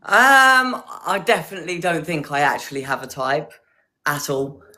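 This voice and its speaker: A woman's voice: low-pitched, big pitch swings, moderate pace, bright, forceful tone. A woman from Hertfordshire, chatting casually and at rambling length on a video call. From Hertfordshire, England. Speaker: dating show contestant. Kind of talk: casual chat.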